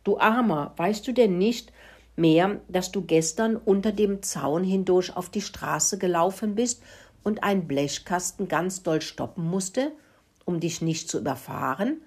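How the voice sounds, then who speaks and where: A woman's voice: on the low side, measured pace, slightly rough. A woman voicing a bossy little female mouse who lectures in a storybook reading. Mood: lecturing. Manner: lecturing, explaining.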